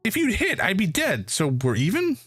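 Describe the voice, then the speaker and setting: Man putting on a squeaky high ant voice, tiny hive-mind critter, cheeky and defensive, lively, dry close sound. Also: normal speed, breathy edge, dry recording, heavily acted. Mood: placating. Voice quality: squeaky little voice. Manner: cheeky, defensive, talks of itself as we. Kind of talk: voicing a game character while reading aloud.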